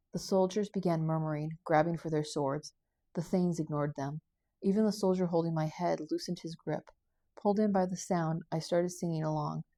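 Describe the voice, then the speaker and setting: A woman author reading her own novel aloud as a steady first-person audiobook narrator. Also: low-pitched, dry recording. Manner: steady, unhurried reading with occasional slips.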